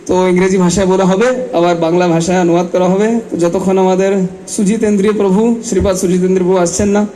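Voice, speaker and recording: Casting: male master of ceremonies for a religious gathering, high-set but mellow voice, halting second-language Bengali, faint noise behind. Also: little pitch movement. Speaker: event host and master of ceremonies at a religious festival. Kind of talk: spoken welcome address.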